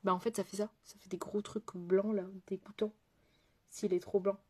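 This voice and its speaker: A woman's voice: medium pitch, level tone, normal speed, warm tone, husky. Chatty woman doing a live makeup tutorial. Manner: chatty and loose, answers viewer comments as she works; frequent fillers and trailing off mid-sentence. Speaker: makeup artist hosting a live stream.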